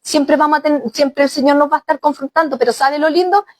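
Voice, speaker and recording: High-voiced woman pastor preaching. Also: steady tone, brisk. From Chile. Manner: exclaims often, addresses congregation directly as brother and sister. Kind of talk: sermon.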